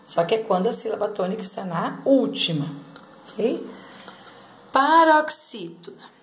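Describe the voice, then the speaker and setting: A woman teacher giving a grammar lesson, explaining step by step and often checking in with her students. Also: fairly high pitch. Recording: echoey room.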